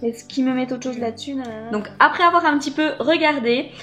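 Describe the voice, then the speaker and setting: A woman talks casually through a beauty box unboxing, full of little hesitations. Her voice sits a touch high, and soft music plays faintly underneath. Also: fast. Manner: chatty, hesitant, many fillers. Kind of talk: casual unboxing chat to camera.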